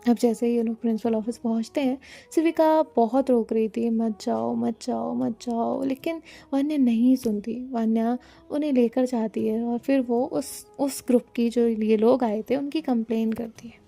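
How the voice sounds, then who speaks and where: A woman storyteller narrating with drama, dropping into whispers at tense points. Her voice is mellow and fairly high. Faint music runs beneath the narration. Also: moderate pace, few pauses.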